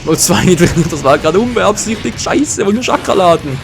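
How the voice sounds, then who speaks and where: A man with a German accent giving excited live commentary over a fighting game, groaning and swearing at his misses. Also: high-pitched, normal speed, creaky. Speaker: gaming commentator. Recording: game music behind. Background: faint game music.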